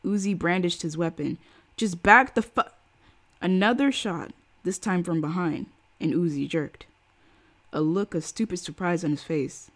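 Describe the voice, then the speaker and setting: Woman reading a thriller aloud, low voice. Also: a little mellow. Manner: reads with acted quotes, pausing for chat. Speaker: streamer reading a novel aloud.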